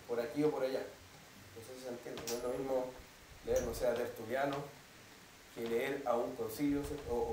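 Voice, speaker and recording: Echoey pastor teaching from the pulpit. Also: male voice, medium pitch, a little mellow, slight background noise. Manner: explanatory, keeps asking "¿cierto?" to the congregation. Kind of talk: teaching sermon. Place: church hall. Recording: echoey hall, mic at a distance.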